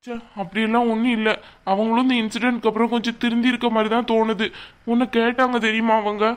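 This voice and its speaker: A woman's voice: a little high, flat delivery, fast, lightly acted. Woman voicing a remorseful cartoon young husband. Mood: apologetic. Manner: apologetic and soothing. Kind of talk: cartoon voice acting.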